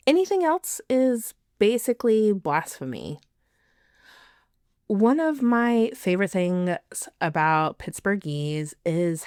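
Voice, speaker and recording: A podcast host, not from the city she now lives in, reads a slow, unhurried scripted monologue in a lowish, smooth voice. She giggles and laughs at her own slips, apologizing for them self-deprecatingly. The sound is close and dry, with no echo.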